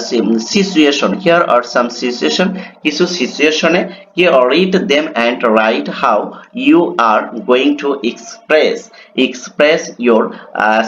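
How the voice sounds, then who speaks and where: A man with a Bengali accent teaching an English grammar lesson, reading the English examples slowly and explaining them with rhetorical questions. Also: mid-range voice, a bit bright. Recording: dull lo-fi with faint noise.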